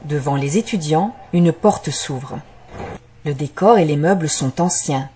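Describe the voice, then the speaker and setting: A woman reading a scripted story for language learners as narrator, in a measured, carefully articulated way. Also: deep voice, dark tone, slight background noise.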